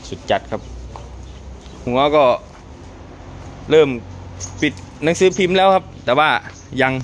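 A man chatting in a casual vlog at an outdoor truck workshop. His pitch swings lively up and down as he talks and laughs, with faint noise behind him. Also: measured pace. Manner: lively, laughs often, speaks to fans. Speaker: truck owner vlogger.

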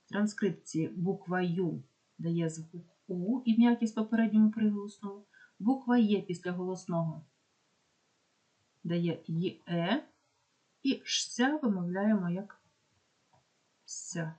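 A woman with a Ukrainian accent, teaching a pronunciation lesson and slowly spelling out example words with care. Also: mid-range voice, warm tone. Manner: slow, careful dictation of examples. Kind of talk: explaining phonetics lesson.

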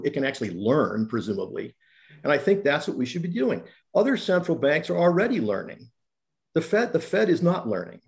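A man in his sixties debating on a video call, insistent and quick to interrupt. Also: medium pitch, gravelly, darkish tone. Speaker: panelist, economist.

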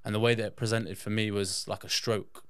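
A fairly low-pitched, smooth and slightly bright voice carries this English podcast guest's casual personal stories, delivered flatly and briskly. He was born in Yorkshire and raised in south-west England, chatting conversationally in an interview. It's studio quality, with no room sound.

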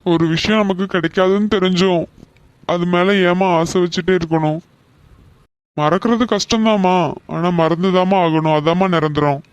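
A woman doing a gentle, patient cartoon son. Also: on the low side, moderate pace, smooth, no echo, highs cut off, pitched below the performer's own voice, natural voice. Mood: gentle reasoning. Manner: soothing, patient, persuasive. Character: calm young man, gentle reasoning son. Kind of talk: cartoon voice acting.

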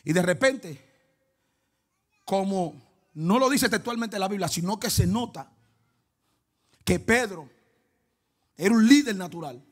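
A male pastor preaching a sermon, moving between quiet storytelling and shouted, chanting praise aimed at the congregation. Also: high-pitched, animated, measured pace, long pauses. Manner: calls out to the congregation and cries out "woo".

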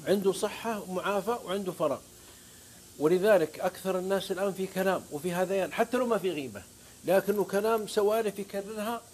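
Man, Saudi accent, religious talk-show guest, high voice, faint background noise. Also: fast talker, darkish tone. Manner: fervent, swears oaths, quotes scripture. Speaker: guest preacher.

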